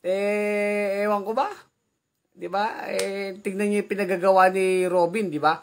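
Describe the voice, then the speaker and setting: A man's voice: high-pitched, little pitch movement, a little slow. Chuckling man hosting a live vlog. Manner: chatty, chuckling, teasing asides; frequent tag questions. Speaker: vlog host reading viewer comments. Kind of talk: casual live political commentary.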